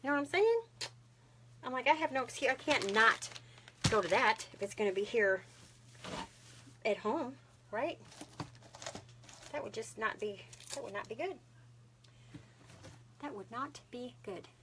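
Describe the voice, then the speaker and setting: A woman's voice: fairly high pitch, lively intonation, normal speed, long pauses. A bubbly woman with a Texan drawl hosts a live craft stream at her home table. She talks to viewers in a chatty, friendly way, drops a lot of "y'all," and laughs often. A faint hiss of noise sits under her voice. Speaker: craft livestream host.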